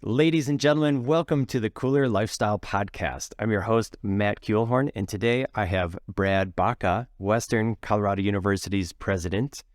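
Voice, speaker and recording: A man's voice: fairly low pitch, moderate pace, hardly any pauses, no room sound, studio quality. A man hosting a podcast, interviewing his guest in an upbeat, encouraging way. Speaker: podcast host. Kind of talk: casual interview conversation.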